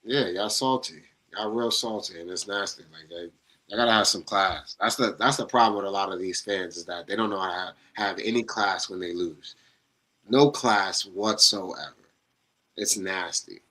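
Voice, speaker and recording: A man's voice: low voice, moderate pace, bright, forceful tone, poor audio. A young man co-hosting a sports podcast in casual chat, blunt and profane in his trash talk. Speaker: podcast co-host.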